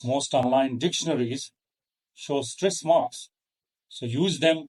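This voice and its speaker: Guy teaching english stress really slowly, careful and measured, mic a bit far off. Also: mid-range voice, a little mellow, husky. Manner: careful, measured delivery with pauses between phrases. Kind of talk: slow deliberate lesson.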